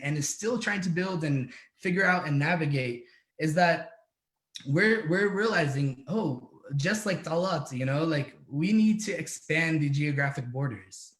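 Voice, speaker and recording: A man's voice: fairly high pitch, roomy sound. A man from the United States, an activist organizer speaking earnestly on a panel, with many restarts and fillers. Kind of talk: casual panel talk.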